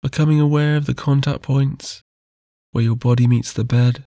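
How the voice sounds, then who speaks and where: Male sleep-meditation guide: soft, unhurried, warm and low-key, close and dry. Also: steady tone, no room sound. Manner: slow, soft and soothing.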